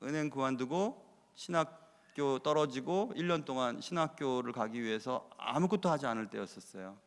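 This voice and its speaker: A male pastor preaching a sermon in a church, conversational and confessional, asking rhetorical questions. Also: mid-range voice. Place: church sanctuary. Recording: reverberant church hall.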